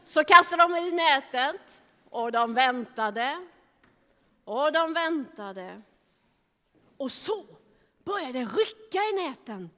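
High, bright-voiced woman telling a story. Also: in a large hall. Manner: animated, acting out the scenes. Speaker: children's Bible storyteller. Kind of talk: lively storytelling to children.

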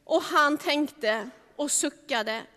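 A woman telling a Bible story to children in a lively, animated way, acting out the scenes. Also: sits high, long reverb tail.

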